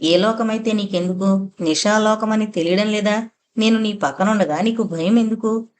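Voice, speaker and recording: Woman narrator doing a seductive, possessive female spirit; teasing near-whisper, mid pitch, audiobook. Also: normal speed, a little mellow, a little hiss or hum, natural voice. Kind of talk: audiobook character voice.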